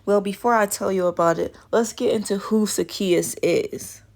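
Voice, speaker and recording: A woman's voice: medium pitch, normal speed, gravelly, a little mellow. Chatty woman vlogger, joking asides. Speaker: vlogger giving commentary. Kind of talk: casual commentary.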